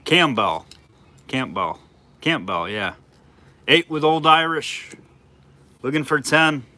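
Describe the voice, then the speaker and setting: Bright-voiced chatty auction host. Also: male voice, fairly high pitch. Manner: chatty, rambling, quick bid calls. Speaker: livestream auctioneer. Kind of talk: casual live auction chat.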